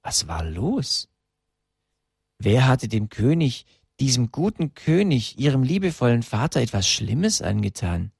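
Gravelly-voiced man reading a story. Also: medium pitch, big pitch swings, darkish tone, no echo, studio quality. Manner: slow, emotive reading with dramatic pauses. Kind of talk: scripted story narration.

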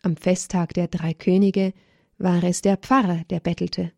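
A woman reading a religious story to children in a gentle storytelling manner. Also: on the low side, level tone, a little slow, creaky, no echo, studio quality.

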